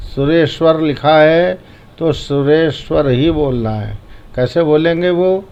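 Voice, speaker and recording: Slow, deliberate male recitation teacher. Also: on the high side, darkish tone, highs cut off. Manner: stretches chanted words slowly, then explains quickly. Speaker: mantra pronunciation teacher. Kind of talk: slow, syllable-by-syllable recitation lesson.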